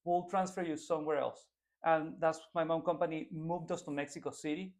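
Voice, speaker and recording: Speaking briskly in a steady, somewhat high voice, this political candidate answers interview questions with earnest intent and many restarts. He is in his twenties, from Venezuela, and speaks native Spanish with a Venezuelan accent.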